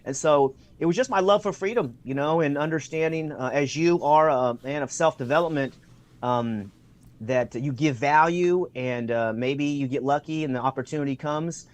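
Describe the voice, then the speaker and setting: At a moderate pace, a man with a slightly high voice chats as a video-call guest. His storytelling is energetic and full of fillers, and he acts out the words of people in his anecdotes.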